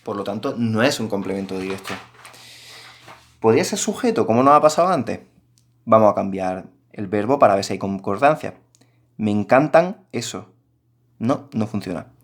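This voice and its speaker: A man's voice: fairly low pitch, animated, normal speed, pauses often. A man teaching a recorded grammar lesson, explaining patiently and addressing his students directly.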